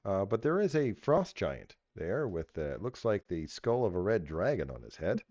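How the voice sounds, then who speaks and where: A man running a tabletop game as game master, narrating casually and making it up haltingly as he goes. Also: fairly low pitch, very animated, a little mellow, no echo. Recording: slightly dull, muffled audio.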